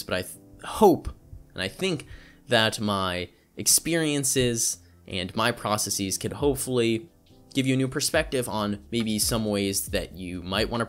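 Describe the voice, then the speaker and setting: A man's voice: mid-range voice, fairly bright tone. A young man talking casually to camera in a vlog, chatty and rambling with lots of fillers, about his own experience. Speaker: YouTuber. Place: home setup. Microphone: studio microphone.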